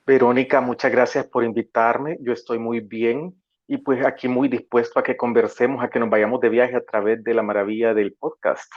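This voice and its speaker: A man's voice: medium pitch, little pitch movement, moderate pace, no room sound. A middle-aged man talks as a podcast guest. He tells stories in a friendly, reflective way with easy fillers. His audio is dry and a little dull. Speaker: podcast guest, travel industry professional. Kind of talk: casual podcast conversation.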